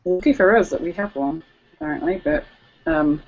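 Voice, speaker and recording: A man's voice: high voice, sing-song, normal speed, vocal fry. A man playing a tabletop game in character, talking in a polite, genteel way. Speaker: player. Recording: muffled lo-fi recording.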